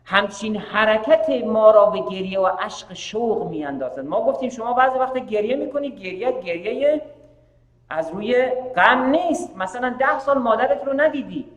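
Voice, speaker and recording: A man with a high voice delivers a sermon in a hall with a long, ringing reverb. He builds his points with rhetorical questions and repeated phrases. Now and then he switches between Persian and English. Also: expressive, fairly bright tone. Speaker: preacher hosting a live-streamed majlis. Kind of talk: sermon with announcements.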